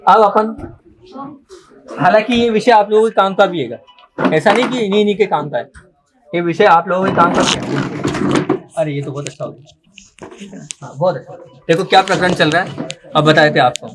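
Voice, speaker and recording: A man with a somewhat raised pitch teaches a gathered group. He explains patiently and keeps asking whether everyone follows. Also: normal speed, pauses often, background noise. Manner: explanatory, coaxing, checks in with listeners often. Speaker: teacher of religious recitation. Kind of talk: live teaching talk to a group.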